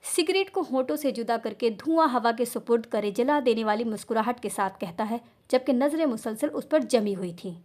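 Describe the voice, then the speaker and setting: High-voiced woman, emotive audio novel narrator. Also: lively intonation, normal speed, hardly any pauses, a little mellow.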